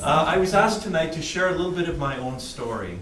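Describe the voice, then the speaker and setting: A man with a Western Canadian English accent giving a personal testimony in short, plain phrases, pausing for translation. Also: a little high, expressive. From British Columbia, Canada. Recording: distant mic in echoey room, faint noise.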